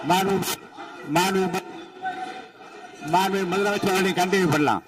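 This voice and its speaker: A man chairs a legislative assembly session, giving short procedural orders to members. His fairly high voice sounds distant from the microphone. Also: steady tone, normal speed. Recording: voice from away from the mic.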